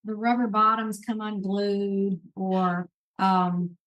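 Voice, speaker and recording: Woman host, casual reassuring chat, mid pitch, easygoing fillers. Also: flat delivery, slow, fairly bright tone, muffled recording. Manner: chatty, reassuring, thinks aloud with fillers. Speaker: podcast host. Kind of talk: casual chat about reselling.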